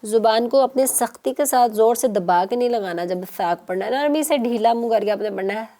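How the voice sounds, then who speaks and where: A woman teaching children on a TV lesson, patient and coaxing, repeating syllables slowly. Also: fairly high pitch, mellow. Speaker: Quran teacher.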